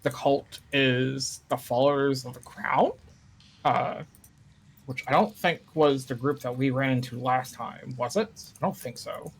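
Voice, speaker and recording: A man's voice: medium pitch, unhurried, a little hiss or hum. A man playing a tabletop game, talking loosely and casually, joking and swearing as he recaps and plans. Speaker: player.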